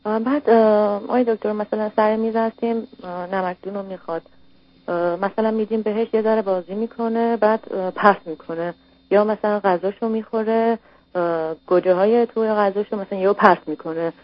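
A woman's voice: medium pitch, steady tone, no echo. Hesitant woman calling a radio show. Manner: hesitant, many fillers. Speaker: caller, mother of a toddler. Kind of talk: radio call-in question. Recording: dull lo-fi radio broadcast.

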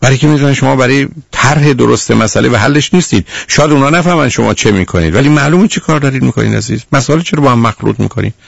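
A man with a gravelly, creaky voice giving advice on a radio call-in show. His talk is stern and lecturing, close and dry with no room sound. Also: medium pitch, expressive, few pauses, no echo. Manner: stern, lecturing, repeats "dear" to the caller. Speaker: radio counselor.

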